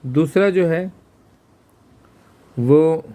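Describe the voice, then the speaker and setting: A male teacher giving an exam-prep physics lesson, explaining slowly and asking questions that he then answers himself, with English terms mixed into Hindi. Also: a little high, warm tone.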